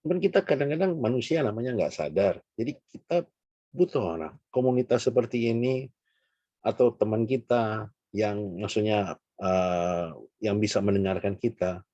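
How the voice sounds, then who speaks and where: A man hosts an online worship service and sums up the sermon in a reflective, encouraging way. His voice is low, mellow and somewhat husky. It comes through dry and muffled from a video call. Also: normal speed, dry recording. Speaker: service host. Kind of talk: affirming moderation of an online service.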